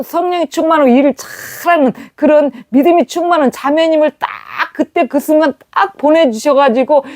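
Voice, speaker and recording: Middle-aged woman preaching, high voice that swoops all over, acts out the dialogue. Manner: animated storytelling with quoted dialogue. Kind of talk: sermon testimony.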